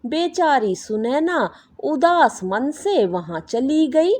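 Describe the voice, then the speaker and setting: A woman narrating a bedtime story in a slow, expressive storytelling manner. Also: high voice.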